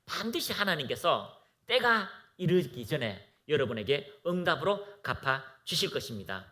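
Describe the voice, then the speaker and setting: A man's voice: a little high, big pitch swings, normal speed, sharp tone. A man preaching a fervent sermon as pastor of a church, exhorting and leading the congregation to recite aloud.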